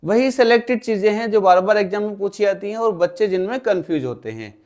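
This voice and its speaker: High-voiced male Hindi tutor. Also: fast. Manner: calls students "kids" often, steady explaining. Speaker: teacher. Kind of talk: exam-prep lesson.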